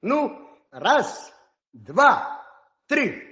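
A man plays a proud, quick-tempered male hare from a storybook tale, calling out in a high, agitated voice. He sounds indignant and eager to race again, in a roomy space. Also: exaggerated voice. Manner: excited, indignant shouting.

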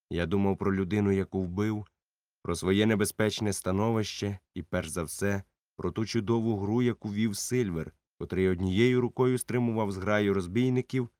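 A man's voice: lowish voice, darkish tone, dry recording, clean studio sound. Man narrating an adventure audiobook. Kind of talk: audiobook narration, first person.

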